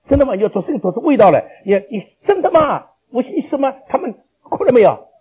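A man preaching a sermon, asking rhetorical questions and swinging between loud, dramatic lines and quiet ones. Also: extremely high pitch, sing-song, fast, slightly rough. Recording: lo-fi dull recording.

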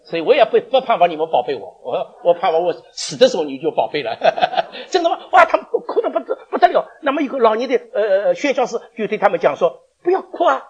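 Male preacher, raspy voice, pitch swinging all over, dull lo-fi recording. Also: sing-song, fast, few pauses, darkish tone. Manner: chatty, laughing storytelling with stammered restarts. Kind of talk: sermon.

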